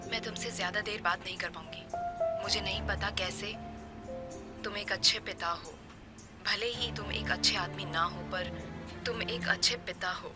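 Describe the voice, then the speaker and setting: A woman voicing a quiet, regretful woman saying farewell in a dubbed TV drama, over loud music. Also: mid-range voice, steady tone, normal speed, lightly acted. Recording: loud music under dialogue.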